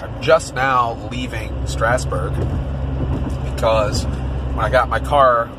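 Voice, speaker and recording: A man's voice: mid-range voice, steady tone, slow, distant mic. A man talking casually in a personal spoken diary, as a vlogger. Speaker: vlogger and stage performer. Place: in a car. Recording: loud car and outdoor noise.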